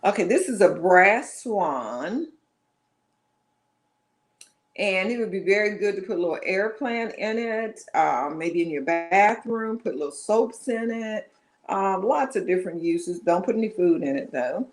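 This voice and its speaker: A woman's voice: medium pitch, animated, moderate pace. A woman presenting items in a live online sale, chatting casually and meandering, often correcting herself. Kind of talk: casual live-stream selling chat.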